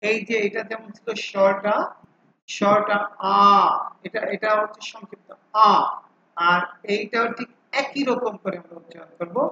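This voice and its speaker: Bright-voiced male teacher in an echoey room. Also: sits high, slight background noise. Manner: drills each vowel sound by repeating it several times; mixes English terms into explanations. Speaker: phonics teacher. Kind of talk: explaining a lesson. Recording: echoey room, dull lo-fi sound.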